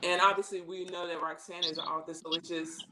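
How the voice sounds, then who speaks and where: A woman's voice: lowish voice, flat delivery, a little fast, bright, forceful tone, poor audio. A woman hosting a live podcast interview over a video call. She talks emphatically and repeats words for stress. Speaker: podcast host.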